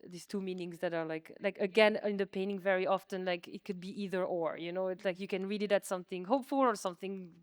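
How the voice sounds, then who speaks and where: Clean studio sound without echo carries a woman who talks fast with hardly any pauses, her medium-pitched voice holding a steady tone. A native French speaker and artist, she's being interviewed in a museum exhibition space, speaking informally, self-deprecatingly, and with many "likes."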